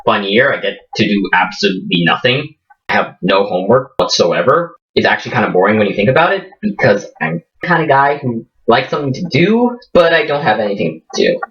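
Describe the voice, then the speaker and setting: A fifteen-year-old boy vlogs from a small room, chatting casually, mocking himself and tossing in jokey asides. He has a Midwestern American accent with a slight Indian lilt, and his medium-pitched, sing-song voice runs a little fast. The audio is dull and sounds recorded from a distance.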